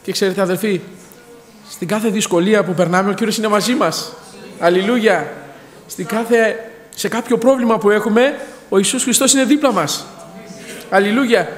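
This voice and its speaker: A man in his thirties speaks in a fairly high voice, giving a fervent testimony to a congregation. He keeps calling out hallelujah and addressing the brethren. His words ring out in a hall with a long echo. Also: pauses often. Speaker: church member giving testimony. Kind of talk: testimony in church. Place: church hall.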